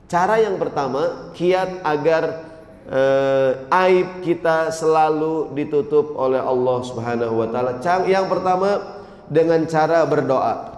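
Animated man preaching in an echoey hall. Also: on the high side. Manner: lively, jokes and acts out little scenes. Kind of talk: humorous sermon. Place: mosque hall.

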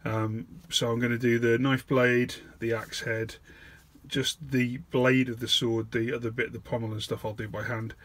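A man's voice: medium pitch, level tone, moderate pace, a bit bright. A man hosting a casual hands-on painting tutorial, thinking aloud in a self-deprecating way. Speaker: miniature painting video host. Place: indoor painting studio.

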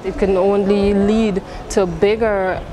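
A woman's voice: medium pitch, level tone, takes it slowly. Makeup artist woman, noisy setting. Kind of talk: behind-the-scenes interview.

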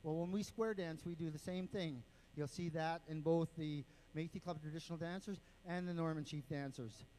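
Male event announcer, fairly high voice, patient step-by-step explainer, faint noise behind. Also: fairly even intonation, moderate pace, a little mellow, low-quality recording. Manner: patient, step-by-step, counts out rhythms. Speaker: dance group spokesman and announcer. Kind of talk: explaining dances to an event crowd. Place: indoor powwow event.

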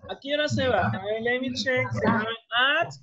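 Bright-voiced bilingual teacher on a call. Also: male voice, very high-pitched, moderate pace. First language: Spanish. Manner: encouraging, repeats phrases and translates each line. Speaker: English teacher. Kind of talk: online class, mixing English and Spanish. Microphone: video call. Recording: dull lo-fi video call audio.

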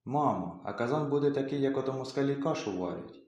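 A man's voice: mid-range voice, lively intonation, fairly quick, a little mellow, highs cut off, voice pushed up, lightly acted. A sly peasant boy who whines and pleads with a cheeky streak, as a male reader puts him on. The sound rings in a very echoey room. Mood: sulky.

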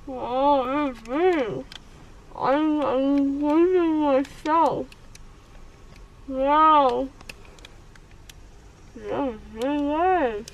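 A woman's voice: sits high, drawn-out words, long pauses. Groggy woman mumbling through gauze. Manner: slurred, mumbling. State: mouth stuffed with gauze; groggy from anesthesia. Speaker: vlogger. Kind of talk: casual vlog footage. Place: inside a car on the road. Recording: muffled, with faint road noise.

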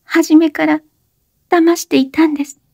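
A woman's voice: high voice, steady tone, normal speed, vocal fry, warm tone, no echo, studio quality, pitched above the performer's own voice. A woman doing a tearful, desperate young woman. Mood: confessing. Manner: pleading, breathless, sobbing.

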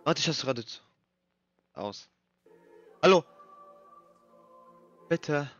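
A man's voice: on the high side, lively intonation, takes it slowly, a bit bright, faint music behind. A young man doing nervous, swearing let's play commentary in street slang, reading game text aloud as he plays. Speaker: gaming streamer. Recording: dull lo-fi mic, dry.

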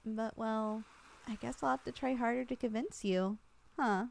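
Playing a loving girlfriend in ASMR roleplay, a young woman talks softly, affectionate and teasing. Her fairly high voice carries vocal fry and moves at a normal speed.

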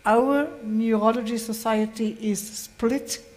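A woman explains her reasoning step by step on a conference panel, her fairly high voice carrying long reverb through the hall. She sounds measured and methodical. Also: fairly even intonation, a little mellow. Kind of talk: panel discussion.

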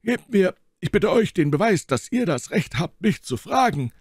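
A man's voice: on the high side, animated, normal speed, darkish tone, no echo, clean studio sound, pitched above the performer's own voice. A man voicing a proud male musketeer who speaks firmly and formally in a raised voice, in a storybook reading. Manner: bold, firm and formal.

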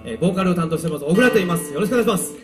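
A man's voice: sits high, lively intonation, racing. Polite joking man at a live show. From Japan. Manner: polite, joking, laughs between phrases. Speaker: band vocalist introducing members. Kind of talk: casual stage MC at a live show. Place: outdoor park stage. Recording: live outdoor recording with guitar behind.

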